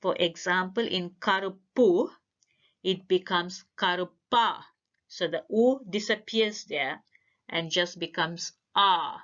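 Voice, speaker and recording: Slow, careful woman teaching language. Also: on the low side, fairly bright tone, dull audio. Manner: careful, deliberate word-by-word delivery. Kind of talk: slow instructional explanation.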